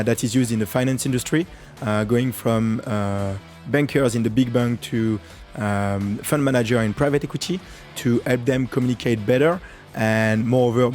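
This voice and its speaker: A man's voice: medium pitch, a little mellow. A man hosting an interview, introducing his guest and asking questions in a hesitant way, full of fillers. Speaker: podcast host. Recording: faint guitar music behind.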